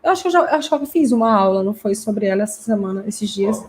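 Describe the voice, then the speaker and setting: A woman's voice: medium pitch, lively intonation, fast talker, a little mellow, a little hiss or hum. A woman hosting a live online class for parents, chatty and explanatory as she answers viewer comments. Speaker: host teaching parents.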